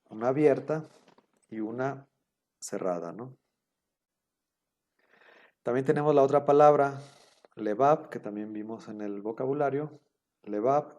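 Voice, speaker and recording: A man teaching a Bible class on Hebrew grammar, explaining patiently with frequent pauses and rhetorical questions. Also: medium pitch, darkish tone.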